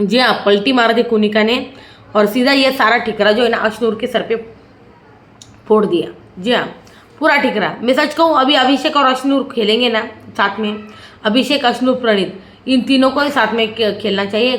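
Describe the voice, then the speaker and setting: In an echoey room, a woman with a high, bright voice gives opinionated commentary on a reality show. She sounds indignant and fires off one rhetorical question after another.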